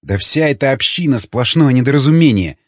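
A man voicing a bitter, impassioned young rebel with a husky voice. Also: mid-range voice, lively intonation, fairly quick, no echo, close to an everyday voice. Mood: defiant. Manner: impassioned, accusing. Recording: dull lo-fi recording.

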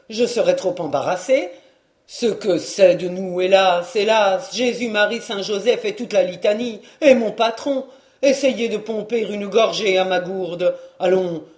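A man voicing a clumsy, devoted rustic manservant who talks in loud exclamations and peasant oaths. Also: on the high side, pitched below the performer's own voice, lightly acted. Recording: roomy echo.

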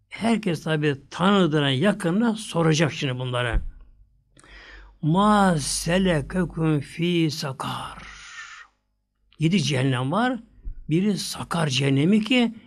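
A male preacher giving a religious sermon, reciting verses slowly and repeating his points insistently, swinging between raised lines and near-whispers. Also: a little high, creaky. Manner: recites Arabic verses slowly, then explains them; repetitive, insistent preaching cadence.

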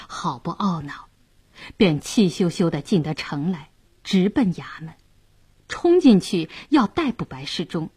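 A woman narrating a traditional Chinese story in an expressive, dramatic way. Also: mid-range voice, husky, no echo.

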